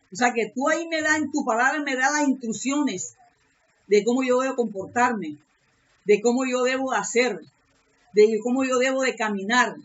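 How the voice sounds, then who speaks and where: A woman's voice: on the high side, highs cut off. Fervent woman pastor preaching. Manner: earnest preaching, repeats phrases, calls out "aleluya". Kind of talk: sermon.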